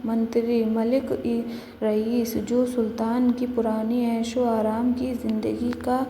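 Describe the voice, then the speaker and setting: A woman narrating a story in a steady, even reading voice. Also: a little high, a little hiss or hum. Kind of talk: read-aloud story narration. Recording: echoey room with long reverb, faint ambience.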